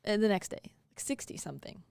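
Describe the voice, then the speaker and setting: A woman's voice: medium pitch, very animated, gravelly, darkish tone, clean tone, no room sound. A young woman co-hosting a podcast in a studio, chatting casually and explaining things with lots of "like" fillers. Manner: chatty, with fillers like "like" and quick laughs. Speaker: podcast co-host. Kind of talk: casual chat.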